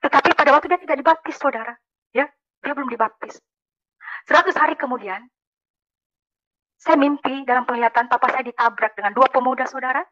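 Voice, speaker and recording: A woman's voice: high voice, brisk, pauses often, fairly bright tone, dull audio. A woman from Makassar giving a religious conversion testimony, telling her story emphatically and often calling out to the listeners. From Makassar, Indonesia. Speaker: testimony speaker.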